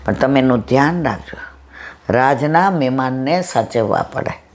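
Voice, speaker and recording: Satsang speaker, mid-pitched, telling folk parables with lively character voices and slow moral lines. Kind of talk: devotional storytelling talk.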